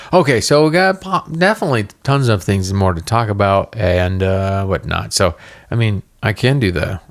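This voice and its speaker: A man co-hosting a casual podcast from a room at home, rambling and breaking off mid-thought with quick laughs. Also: fairly low pitch, creaky. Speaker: podcast co-host. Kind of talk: casual chat.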